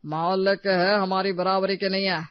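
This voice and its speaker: A woman's voice: medium pitch, flat delivery, normal speed, clean tone, dry recording, natural voice. A woman voicing a grumpy, proud and stingy old father-in-law who scolds and dismisses everyone, in a storybook tale. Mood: scolding. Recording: dry, slightly dull recording.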